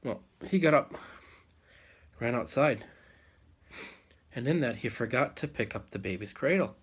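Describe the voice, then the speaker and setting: A man telling a folk tale aloud as a live storyteller, unhurried, with dramatic pauses and repeated phrases. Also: mid-range voice, lively intonation, husky.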